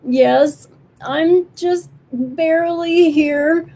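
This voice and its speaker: A woman's voice: very high-pitched, very slow, dark tone, a little hiss or hum, voice pushed up, exaggerated voice, rough recording. A woman voicing an old, breathless female turtle in a storybook, with a weak, gurgly voice. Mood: feeble. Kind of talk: storybook character voice.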